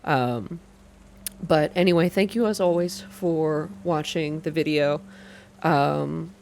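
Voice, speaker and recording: Here she speaks slowly in a low, gravelly voice with a darkish tone, and there's a slight hiss or hum behind her. The host of a video game reading channel, she addresses her audience ASMR-style, reading aloud and chatting casually about channel news.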